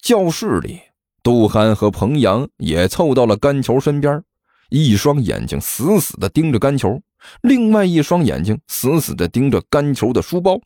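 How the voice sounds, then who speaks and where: A man narrating a serialized novel in an expressive storytelling voice. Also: medium pitch, moderate pace, dry recording, studio quality. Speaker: audiobook narrator.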